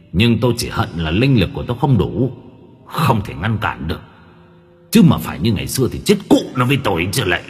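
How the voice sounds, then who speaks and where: A man's voice: deep voice, in a large hall. A man voicing the irritable ghost of an old grandfather who grumbles and curses. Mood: grumbling. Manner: grumbling, cursing, scolding. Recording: faint background music.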